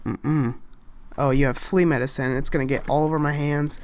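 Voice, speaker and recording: Her voice is low and steady, a little mellow, at a moderate pace, with slight background noise. Sitting close to a desk mic at home, this young woman rambles through a casual game-theory vlog, distracted and frequently interrupting herself to start over.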